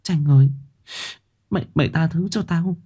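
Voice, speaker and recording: A man's voice: mid-range voice, lively intonation, normal speed, darkish tone, voice pushed up, close to an everyday voice. A man voicing a guilty young village woman who stammers and pleads. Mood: pleading, tearful.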